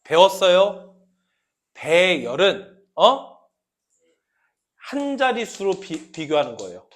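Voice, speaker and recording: High-voiced, unhurried male math teacher. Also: sing-song. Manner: questioning students, repeating key terms, varying loudness. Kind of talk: classroom lecture.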